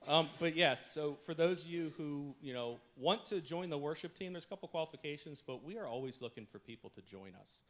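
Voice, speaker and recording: A man's voice: on the high side, expressive, fairly quick, few pauses, a bit bright. A man giving a guest sermon from a church stage, chatty and self-deprecating, often breaking into jokes between "uh"s. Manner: jokey, self-deprecating, many fillers. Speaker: guest speaker. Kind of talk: casual joking sermon talk. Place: church stage before a congregation.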